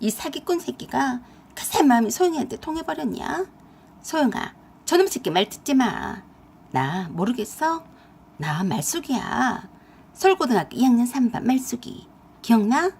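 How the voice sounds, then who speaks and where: Woman doing a shrill, brazen flirt. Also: big pitch swings, normal speed, vocal fry, a little hiss or hum. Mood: pleading. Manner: taunting, shrill and loud.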